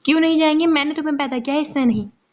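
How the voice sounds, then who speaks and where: A woman's voice: high-pitched, close to an everyday voice. A woman voicing a wronged middle-aged mother and first wife who speaks bitterly, in a muffled lo-fi recording. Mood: furious.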